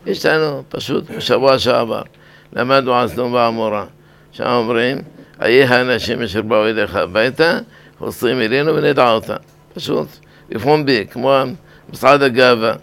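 An older man, a rabbi, giving a weekly sermon on scripture and law, talking deliberately and repeating words for emphasis. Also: mid-range voice, creaky, a bit bright, clean tone.

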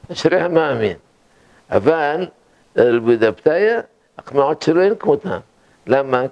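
A man giving a religious lecture full of stories, repeating words for emphasis with animated bursts. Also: medium pitch, gravelly. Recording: dull lo-fi recording.

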